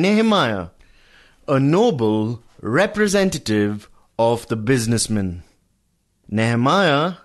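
A man teaching a verse-by-verse Bible study on the radio, calmly explaining and calling his listeners friends. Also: medium pitch. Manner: addresses listeners as friends, measured teaching pace.

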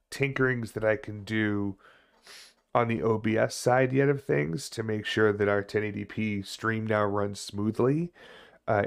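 A man in his thirties chatting casually on a game livestream, rambling haltingly and swearing now and then. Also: lowish voice, creaky. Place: small indoor home room.

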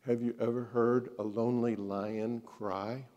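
Slow male storyteller in a hall. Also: medium pitch, level tone, dark tone, lo-fi sound, slight background noise. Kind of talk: live storytelling to an audience. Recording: long hall reverb.

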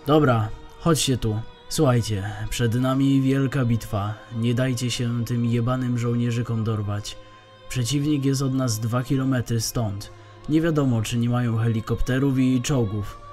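Man playing a gruff militia commander, blunt orders, swears, audio drama, mid pitch. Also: a little mellow, natural voice. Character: tough male militia colonel commanding his men.

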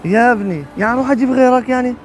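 A man's voice: very high-pitched, rapid-fire, a little hiss or hum, poor audio. A man playing a pained, pleading old father. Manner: emotional, pleading, rising to shouts. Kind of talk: amateur street drama acting.

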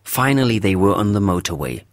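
A man narrating a story for English learners in a measured, clear storytelling voice. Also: lowish voice, sing-song, dry recording, studio quality.

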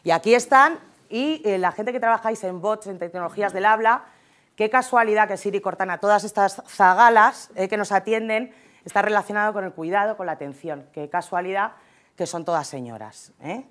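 A woman with a Spain Spanish accent giving a humorous conference talk, chatty and joking, often tagging her sentences with a quick question to the audience. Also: medium pitch. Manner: chatty, jokey, keeps tagging lines with "¿eh?". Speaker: conference speaker.

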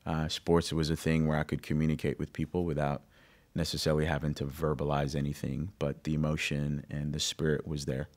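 A man in his thirties, born in Greece, speaking reflectively with halting restarts as a musician guest interviewed in a recording studio. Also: a bass voice, flat delivery, darkish tone. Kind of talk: conversational interview. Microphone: studio condenser mic on stand.

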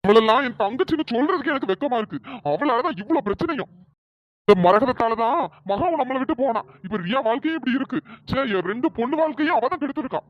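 A voice actor voicing a stern middle-aged cartoon father who reproaches his family, with a pitch-shifted voice. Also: animated, fast talker. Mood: bitter. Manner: reproachful, lecturing. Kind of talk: cartoon storytelling dialogue. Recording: dry, dull lo-fi sound.

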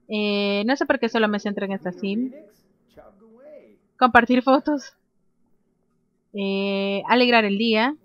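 Woman, let's-play host; chatty, reads menu options aloud, prone to excited squeals; high voice, dry lo-fi mic. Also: no echo. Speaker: gameplay commentator. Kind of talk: casual let's-play commentary.

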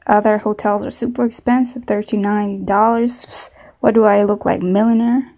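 A woman's voice: mid-range voice, fairly even intonation, moderate pace, dark tone, natural voice. A woman playing an indignant, pushy customer with a put-on Southern drawl in a comedy scene read-through. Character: indignant, pushy adult pet hotel customer.

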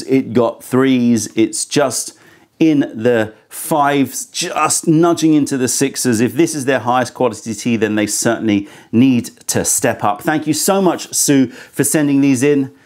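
A man in his thirties, his medium-pitched voice a little mellow and his pace measured, hosts a laid-back tea tasting review. He talks into a lapel mic on an indoor studio set with a sofa, sounding thoughtful and candid but a bit critical.

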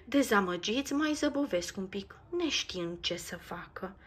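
A woman reading a children's storybook aloud in a lively, expressive way. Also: medium pitch, breathy edge. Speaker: narrator. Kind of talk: storybook read-aloud narration.

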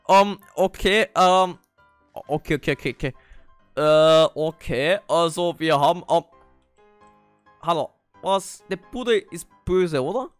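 An Austrian man narrates his Minecraft role-play in a fairly high voice, stumbling through fillers and breaking into panicky yelps. The close desk-mic sound is dry and right up against the ear. Light music runs underneath. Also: no echo. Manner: hesitant, full of fillers, bursts into panicky yelps. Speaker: gamer.

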